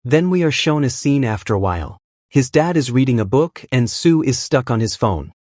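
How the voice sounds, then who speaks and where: A man's voice: medium pitch, lively intonation, moderate pace, darkish tone, no room sound, clean studio sound. A man narrating a manhwa recap, reading every character's lines in his own voice.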